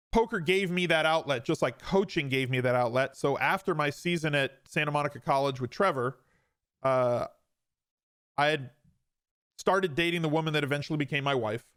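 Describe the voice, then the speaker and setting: A podcast host in his forties tells his own story casually and conversationally, with emphatic repeats and some self-deprecation. His voice is a little high and a bit bright. The recording is studio quality with no room sound.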